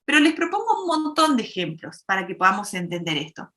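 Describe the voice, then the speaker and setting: A woman's voice: mid-range voice, very animated, a little fast, a bit bright. A woman psychologist giving an explanatory public talk, teaching through worked examples. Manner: didactic, uses worked examples. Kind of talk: explanatory lecture.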